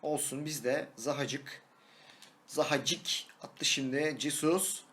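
Excitable young man commentating gameplay. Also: fairly high pitch, slow, a little hiss or hum. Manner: excitable, shouts and sings at goals, teasing. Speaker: gaming YouTuber.

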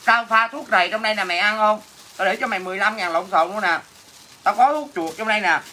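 A woman's voice: medium pitch, fast talker, sharp tone, slight background noise. Brash Southern Vietnamese woman livestreaming. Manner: brash, teasing, crude joking with viewers. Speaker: livestream host selling goods. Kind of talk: casual livestream sales chat.

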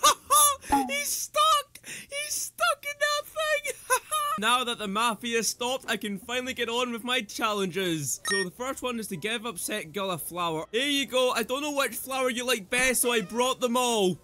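A man giving goofy, comedic gameplay commentary, breaking into laughter and loud exclamations, with game music behind. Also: very high voice, normal speed, hardly any pauses. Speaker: gaming YouTuber.

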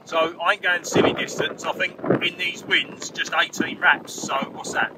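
A man's voice: sits high, little pitch movement, moderate pace, far from the mic. A man hosting a fishing vlog, chatting casually and laughing on a windy reservoir shore. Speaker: vlog host and angler. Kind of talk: casual outdoor vlog chat. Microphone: action camera mic in strong wind. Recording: loud wind noise outdoors.

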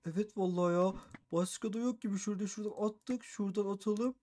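A man narrating a game role-play as a gaming YouTuber, excitable and boastful, with frequent exclamations. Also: sits high, quick pace. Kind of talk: Minecraft role-play commentary.

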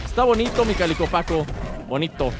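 A man's voice: a little high, expressive, fairly quick, music in the background. A man hosting a multiplayer game session, chatting and hyping up every hit. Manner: loud hype shouting at kills. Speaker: gamer host. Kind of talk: excited multiplayer gaming chat.

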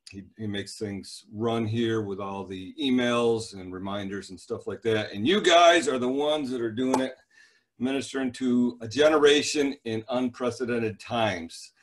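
A middle-aged man hosting a church youth leaders' video call, chatting casually and introducing people. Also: on the low side. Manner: relaxed, chatty, many fillers.

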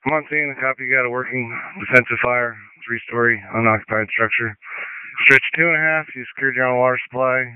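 A man commanding a fire scene in urgent firefighter radio traffic, briskly repeating messages back. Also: mid-range voice, steady tone, clear, resonant tone, dry recording. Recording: tinny narrowband two-way radio.

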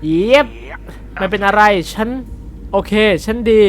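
Excitable man doing game commentary. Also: sits high, unhurried. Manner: excitable, jokey, explaining words. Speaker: game streamer. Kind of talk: let's-play commentary.

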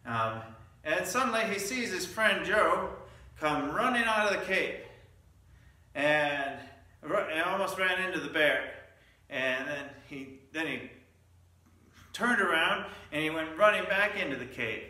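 A man preaching a Lenten sermon in a very bright, ringing voice, pitched a little above average. He sounds set back from the mic, with heavy echo filling the sanctuary. He tells his stories with asides and quick restarts. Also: expressive. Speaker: pastor. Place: church sanctuary. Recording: echoey church sanctuary, mic at a distance.

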